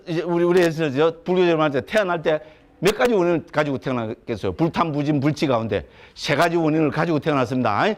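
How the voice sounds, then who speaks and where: A lively, high-pitched male monk from Gyeongsang, South Korea lectures a class on Buddhist doctrine in a lecture hall at a Buddhist education center. Humorous and plain-spoken, he keeps throwing rhetorical questions at the students.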